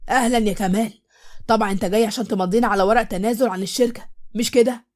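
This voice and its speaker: A woman's voice: medium pitch, steady tone, very fast, natural voice. A woman with an Egyptian accent voicing a young paralysed husband who suspects his wife, speaking in earnest, urgent dialogue for an audio story. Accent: Egyptian Arabic. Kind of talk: storybook voice acting.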